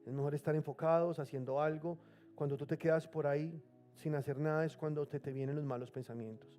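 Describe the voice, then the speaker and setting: A male pastor preaching a sermon, reading scripture slowly and with emphasis and calling on the congregation to repeat words after him. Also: on the high side, steady tone, mellow, soft background music.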